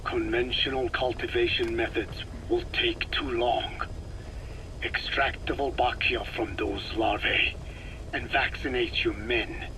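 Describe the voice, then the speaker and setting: Code Talker is a whispering ancient sage, an older male speaker who delivers a scientist's instructions as video game cassette tape dialogue. His mid-range, steady voice is grave, slow, hushed, whispery and formal. The low-quality recording carries audible cassette hiss.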